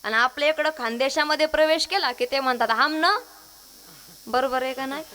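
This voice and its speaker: High bright-voiced woman preaching. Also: fast. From Maharashtra, India. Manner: call-and-response, quizzing the audience, sings verses. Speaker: kirtankar preacher. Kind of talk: devotional kirtan sermon to a women's gathering.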